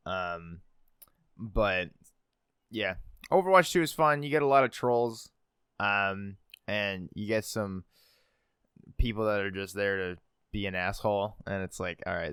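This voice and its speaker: A man's voice: lowish voice, a bit bright, smooth, no echo, clean studio sound. A man co-hosting a podcast in casual chat, rambling with lots of fillers and laughing at himself. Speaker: podcast co-host.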